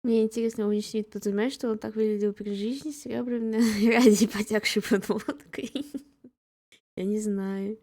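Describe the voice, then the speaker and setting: A woman's voice: fairly high pitch, fairly even intonation, a little fast, mellow. A woman casually commenting on a game live for her chat, in the gushing, giggly manner of a fan. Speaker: game streamer.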